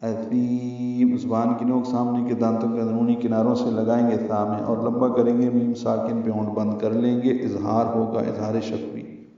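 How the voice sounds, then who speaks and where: A man calmly explains the rules of Quran recitation, one letter at a time, with precise and methodical diction. His voice is mellow and dark. It sounds recorded from a distance, in a very echoey room, with a muffled tone. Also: medium pitch. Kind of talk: tajweed lesson with chanted recitation.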